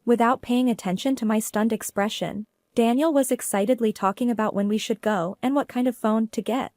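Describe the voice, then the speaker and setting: A woman telling a first-person story as narrator, in a steady, earnest way. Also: mid-range voice, dry recording, studio quality.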